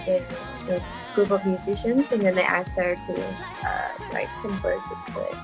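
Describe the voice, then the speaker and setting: A woman's voice: mid-range voice, steady tone, moderate pace, music in the background. A woman from Thailand, a drummer and producer, telling a story casually with many fillers and giggles. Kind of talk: casual interview chat.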